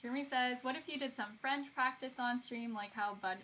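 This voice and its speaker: While drawing on an art livestream, a woman chats casually with viewers and reads their comments aloud. Her voice sits on the high side and sounds bright and forceful, and she talks a little fast. Background noise is clearly audible.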